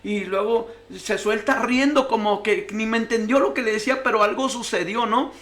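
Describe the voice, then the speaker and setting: A man with a high, bright voice tells his own life story as a radio guest. He acts out the guards and officials in his story as he goes. The sound is close and clear, as from a studio mic. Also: steady tone, moderate pace. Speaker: guest sharing testimony. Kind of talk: emotional personal testimony.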